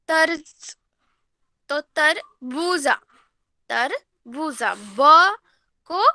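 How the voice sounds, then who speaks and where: A woman teacher gives an online lesson to children, stretching each word out very slowly and saying it again. Her voice sits high and sounds bright and crisp. The recording is dry and close. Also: dry recording. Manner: slow, drawn-out reading with repeated words for pupils.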